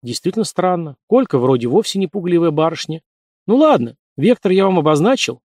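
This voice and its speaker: A man voicing a brisk, grumbling hospital department head. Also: fairly high pitch, sing-song, a little mellow, dry recording, clean studio sound, pitched above the performer's own voice. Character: gruff middle-aged male hospital department head.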